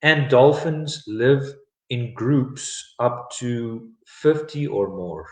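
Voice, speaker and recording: A South African man gives a live online English lesson in a slow, unhurried way. He pauses often with ums and uhs. His voice carries a noticeable echo from the room. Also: medium pitch. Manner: relaxed, with many ums and uhs. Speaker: English teacher.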